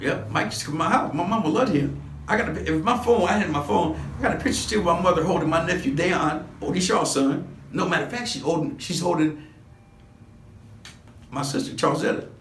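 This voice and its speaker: A man in his sixties from Los Angeles reminisces as an interview guest, rambling in street slang and restarting often. His voice is a little high, a little fast and a bit bright. The mic sits at a distance in an echoey room with slight background noise.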